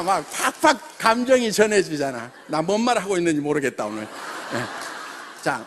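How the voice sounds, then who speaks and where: A middle-aged company chairman from Jeolla addresses members in a rousing motivational talk. His voice sits high for a man and swings widely in pitch. He keeps prodding the audience with rhetorical questions. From Jeolla region, South Korea. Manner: animated, peppers speech with rhetorical questions and laughs.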